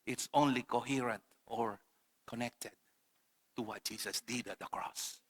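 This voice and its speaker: A man's voice: mid-range voice, steady tone, unhurried, slight background noise. A man preaching an impassioned sermon as a pastor, switching between languages. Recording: reverberant hall.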